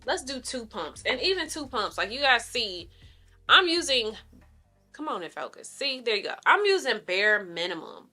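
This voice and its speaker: A lifestyle vlogger in her thirties chats casually through her makeup routine, her slightly high voice sing-song, bright, forceful and a little nasal. She talks at normal speed over soft background music, rambling in friendly asides to viewers.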